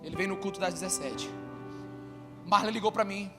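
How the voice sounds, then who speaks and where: A male pastor preaching a sermon, telling stories in an animated way that swings between loud and hushed. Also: sits high, normal speed. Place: church hall. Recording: long hall reverb with music behind.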